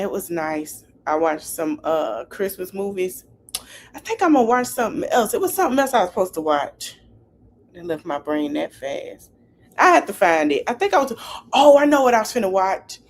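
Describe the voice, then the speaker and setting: A woman's voice: lowish voice, slight background noise. A woman hosting a podcast, chatting casually and animatedly. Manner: animated, laughs, acts out quotes. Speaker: podcast host. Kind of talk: casual commentary chat.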